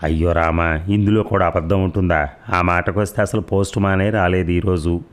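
A man's voice: deep voice, steady tone, moderate pace, lightly acted. A man voicing a sarcastic young wife who answers with cold mockery in an audio story. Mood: mocking. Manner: mocking, dismissive.

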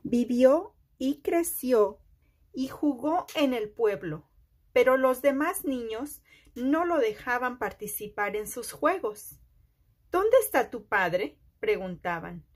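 A woman reading a children's picture book aloud, phrase by phrase with deliberate pauses. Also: fairly high pitch, animated. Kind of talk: slow read-aloud storytelling for children.

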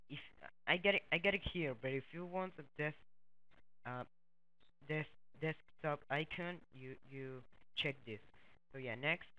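A young man, not a native English speaker, walks through a software tutorial in a halting way, repeating words and using many fillers. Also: fairly high pitch, no echo. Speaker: tutorial host. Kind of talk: casual screen-recorded tutorial walkthrough. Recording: dull lo-fi dry mic.

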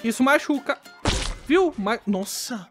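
High, lively, excitable gamer woman. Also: slow pace, soft background music. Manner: excitable and playful, talks to game characters. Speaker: gaming YouTuber. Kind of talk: casual gameplay commentary.

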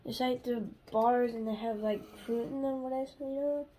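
A woman's voice: on the high side, steady tone, normal speed, mellow, rough recording. A woman co-hosting a casual snack-tasting video, chatty and rambling as she searches for words. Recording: home video with clear background hiss.

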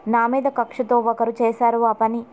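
A woman's voice: fairly high pitch, little pitch movement, normal speed, darkish tone, natural voice. A woman voicing a distressed young wife who insists on her story, read in her own voice. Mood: urgent.

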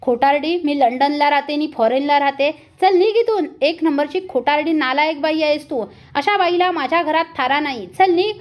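A domineering mother-in-law scolds in a high, sharp voice, put on by a woman telling the story. Her manner is harsh and commanding. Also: normal speed, hardly any pauses, close to an everyday voice. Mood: furious.

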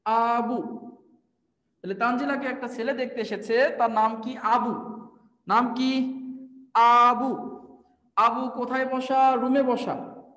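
High-pitched Bangladeshi man quizzing students. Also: steady tone, unhurried, fairly bright tone, echoey room, in a large hall, poor audio. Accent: Bangladeshi Bengali. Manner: drills students with call-and-response questions; teaches memory tricks through playful storytelling. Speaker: admission test tutor. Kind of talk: online class lecture.

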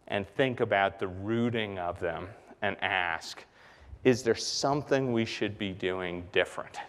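A middle-aged man from the Bahamas giving an animated keynote talk on a conference stage, pacing and gesturing as he speaks. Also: on the low side, clean tone. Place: large conference hall stage. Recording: reverberant hall.

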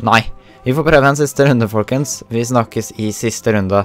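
A young man giving casual, self-mocking commentary while he plays a video game, throwing in English slang. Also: mid-range voice. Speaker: gaming YouTuber. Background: faint game music.

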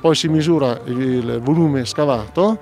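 A middle-aged man with a Trentino Italian accent explaining things in a measured way during an outdoor interview by a lake, speaking into a handheld mic. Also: medium pitch, a little mellow, faint music behind. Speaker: local commons committee representative. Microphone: handheld mic close up.

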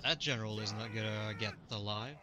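A man with a lowish voice streams a strategy game, chatting briskly and casually with viewers while he plays. He sounds relaxed and greets people in the chat, with background noise in the recording.

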